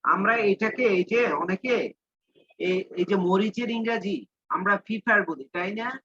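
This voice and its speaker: A male English teacher giving a class lesson, reading English lines slowly and explaining them in Bengali. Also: sits high, pushed and bright, slightly rough, dry recording, highs cut off.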